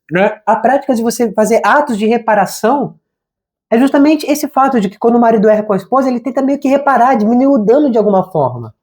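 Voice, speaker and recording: A man's voice: very high-pitched, darkish tone. Casual man talking slangily. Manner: informal and conversational, slangy, says "cara" often. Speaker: therapist and channel host. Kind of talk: casual spiritual talk to camera.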